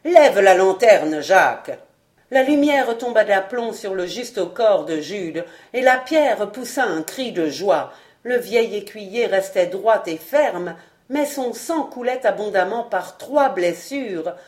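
A woman narrating a classic novel as an audiobook, in a measured, expressive reading. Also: mid-range voice. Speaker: audiobook reader. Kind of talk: scripted narration.

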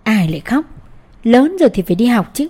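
Lady reading as a jovial wordy male village teacher, a bit higher than her narration, soft mellow tone. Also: big pitch swings, a little fast, slightly rough, exaggerated voice. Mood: genial. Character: genial middle-aged male village schoolteacher, talkative.

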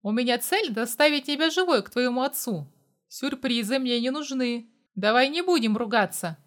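A woman voicing a hard-bitten male mercenary who talks in curt, loud, barking lines in a spoken story. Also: a little high, animated, moderate pace, close to an everyday voice. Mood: gruff.

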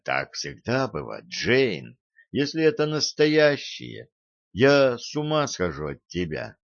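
A man reading a smooth-talking young man who lies to win women over, eager and persuasive, in a storybook narration. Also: mid-range voice, very animated, slow, dry recording, lo-fi sound, full character voice.

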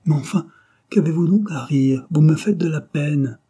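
A man's voice: a little high, normal speed, mellow, husky, pitched above the performer's own voice. A man voicing a naive, earnest young woman.

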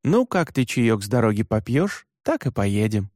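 A man reading an audiobook, voicing an older reindeer herder who gives steady, practical instructions. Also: fairly low pitch, normal speed, no room sound, studio quality. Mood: calm instructing. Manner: steady instructing, calls out loudly from afar. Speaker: reindeer herder teaching the boy.

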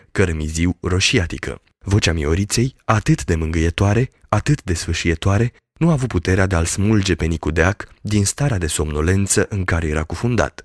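A man reading a classic novel aloud as an audiobook, in steady, measured storytelling narration. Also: low voice, dry recording, studio quality. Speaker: audiobook reader. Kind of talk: scripted literary narration.

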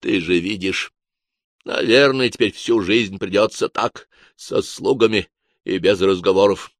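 A man playing a booming, pompous inquisitor. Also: a little slow, no echo, studio quality. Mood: confiding. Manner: booming, solemn proclamations. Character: stern older male inquisitor, pompous and loud.

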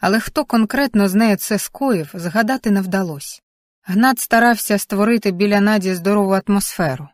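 Calm woman narrating an audiobook. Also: mid-range voice, no echo, studio quality. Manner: calm, measured storytelling. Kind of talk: scripted narration.

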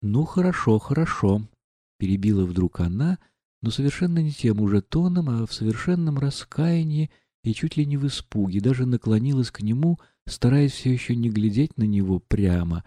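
A man narrating a classic novel as an audiobook in a measured, expressive reading. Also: medium pitch, no room sound, studio quality.

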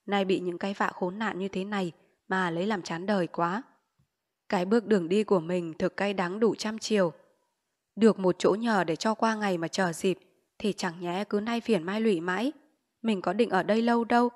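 A woman's voice: medium pitch, fairly even intonation, moderate pace. Woman reading a novel aloud. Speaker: audiobook narrator.

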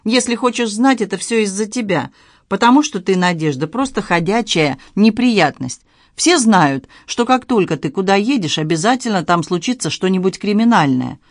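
A reader voicing an indignant, quick-tempered middle-aged woman in an audiobook scene. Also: mid-range voice, expressive, no echo, clean studio sound, voice pushed up, lightly acted. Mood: scolding.

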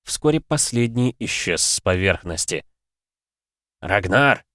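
A man narrating an audiobook in a steady, dramatic storytelling manner. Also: on the low side, normal speed, no room sound, clean studio sound.

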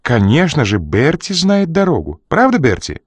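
A man voicing an excited woman who squeals her goodbyes. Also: fairly high pitch, normal speed, slightly rough, no room sound, pitched above the performer's own voice, exaggerated voice.

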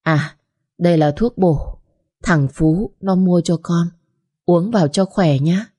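A woman voicing an elderly mother who gently soothes and reassures her daughter. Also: lowish voice, slow pace, slightly rough. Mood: soothing.

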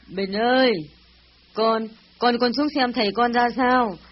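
A man's voice: steady tone, a little slow. Man voicing a frail blind old mother. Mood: urgent calling. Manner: high, strained, wailing calls. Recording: slightly dull recording with faint music.

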